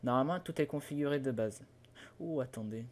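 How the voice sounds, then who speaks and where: A man's voice: mid-range voice, brisk, darkish tone. A young man giving a casual screen-recorded tutorial at his computer, hesitant and stumbling over his words, with many fillers. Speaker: tutorial host.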